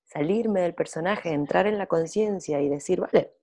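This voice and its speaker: A woman's voice: on the low side, moderate pace. A woman, a guest in an interview, telling stories animatedly and acting out her inner dialogue. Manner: animated storytelling, acts out inner dialogue, repeats phrases. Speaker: guest, women's workshop leader. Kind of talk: reflective conversational interview.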